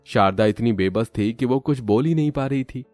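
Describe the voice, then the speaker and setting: A man narrating a cartoon horror story in an expressive, scripted storytelling style. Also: mid-range voice, moderate pace, no echo, faint music behind.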